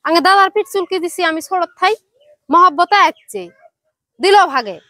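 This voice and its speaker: Woman as scolding wife, high voice, dry sound. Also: lively intonation, normal speed, sharp tone, no room sound, exaggerated voice.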